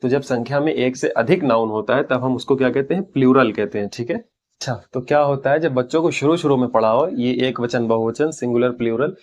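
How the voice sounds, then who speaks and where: A man leads an English grammar lesson in a classroom manner. His voice sits at a middle pitch, and he works through the rules step by step. He poses questions and answers them himself, and reads English phrases slowly and carefully. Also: darkish tone.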